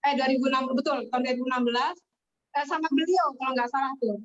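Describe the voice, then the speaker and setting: A woman telling her business success story in a lively, casual way, acting out the voices of people she quotes. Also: high voice, rapid-fire. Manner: animated, acts out quoted voices. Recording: distant, dull lo-fi webinar audio.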